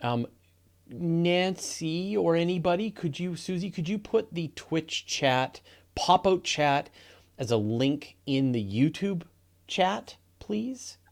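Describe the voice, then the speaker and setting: A man's voice: a little high, expressive, slow, vocal fry. A Canadian man hosting a live podcast in casual, rambling chat, often laughing. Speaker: podcast host.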